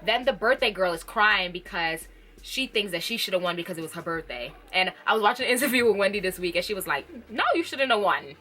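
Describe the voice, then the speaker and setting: Bright-voiced chatty young woman vlogger. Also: medium pitch. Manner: animated, chatty, quick bursts with squeals and laughs. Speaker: vlogger reviewing a TV movie. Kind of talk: casual chat.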